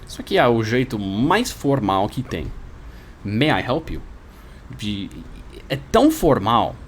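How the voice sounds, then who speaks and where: Lively man teaching a lesson. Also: on the low side, slight background noise. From United States. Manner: patient, repeats examples, explains step by step. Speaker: English teacher. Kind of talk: explanatory language lesson.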